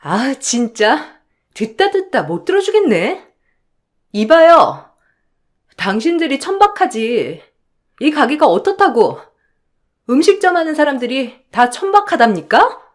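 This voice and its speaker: A woman voicing an outspoken young restaurant employee who loudly defends her boss. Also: sits high, big pitch swings, a little slow, long pauses, voice pushed up. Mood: indignant. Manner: loud, indignant defending.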